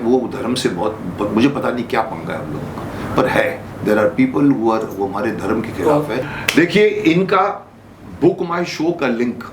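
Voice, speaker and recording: Older male host, casual interview tone, echoey room, steady hiss. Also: medium pitch. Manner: animated, mixes English phrases, chuckles often. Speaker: host interviewing a young actor.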